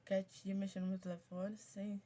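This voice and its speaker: A woman in her twenties with a stuffy, congested voice, chatting casually to her viewers as she slowly reads out questions and answers each one briefly. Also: medium pitch, little pitch movement, dark tone, a little hiss or hum. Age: 20s. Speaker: YouTuber. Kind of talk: casual chat to viewers, reading out a question game.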